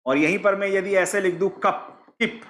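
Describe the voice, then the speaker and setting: A man teaching an online exam-prep class, walking his students through each point one at a time. His voice sits high, and it rings out in a roomy space. He often stops to ask the class a question. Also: fairly even intonation, moderate pace, fairly bright tone, a little hiss or hum. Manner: explains step by step, asks the class questions; mixes English terms into his teaching.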